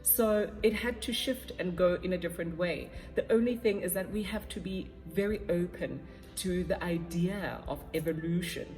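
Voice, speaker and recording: A young woman from South Africa, a ballet dancer giving thoughtful, measured interview answers with the odd filler. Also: lowish voice, a little mellow. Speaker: ballet dancer and competition juror. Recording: long hall reverb with faint music. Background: faint music.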